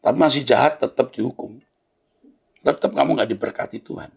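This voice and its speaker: A man's voice: mid-range voice, a little fast, creaky, breathy edge. A man, a pastor, answering listeners' letters in a blunt, scolding yet fatherly way.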